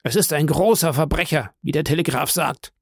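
A man voicing a police brigadier in an audiobook, giving deliberate orders. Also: on the high side, vocal fry, husky, dry recording, clean studio sound, pitched above the performer's own voice. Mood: commanding. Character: gruff police brigadier, authoritative and brisk.

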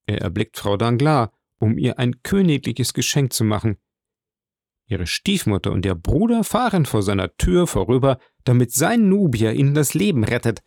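A man's voice: medium pitch, creaky, darkish tone, dry recording, studio quality. A man voicing an earnest, devoted young man in love, speaking in a reflective, sincere way in an audiobook.

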